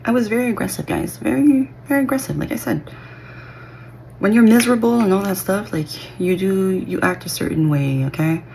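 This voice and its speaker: Low, gravelly-voiced woman vlogger chatting. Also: a little mellow, a little hiss or hum. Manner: chatty, heavy use of filler like and okay. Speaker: beauty vlogger. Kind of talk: casual get-ready-with-me storytime. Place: at home doing makeup.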